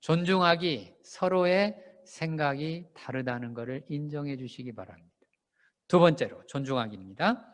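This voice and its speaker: Man, pastor, animated sermon delivery, quizzes the congregation, wide swooping pitch, church hall reverb. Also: normal speed. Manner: animated, asks the congregation questions and acts out shouted lines. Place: church sanctuary.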